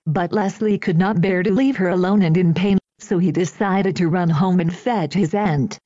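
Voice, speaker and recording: A woman reading an old children's story aloud in a gentle, even storytelling manner. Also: lowish voice, moderate pace, no echo. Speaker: audiobook reader. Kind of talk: storybook narration. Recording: dull, dry lo-fi recording.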